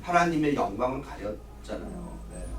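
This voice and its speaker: At a moderate pace, a middle-aged man speaks in a medium-pitched, sing-song voice while leading a church Bible study. He lectures, peppers the class with questions and answers them himself; the echoey room, distant voice and slight background noise are audible.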